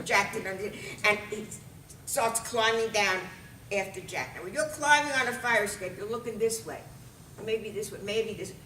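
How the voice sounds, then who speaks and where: Animated woman telling a story. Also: medium pitch, slight background noise. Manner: animated, lively, with bursts of loud exclamation. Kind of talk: comic storytelling to an audience. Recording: roomy and far from the mic.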